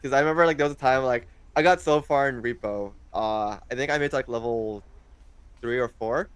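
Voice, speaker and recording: A man's voice: medium pitch, fairly quick, clean tone, no room sound. A young man in his twenties, chatting casually as an interview guest, hesitant and full of fillers. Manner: hesitant, rambling with many fillers.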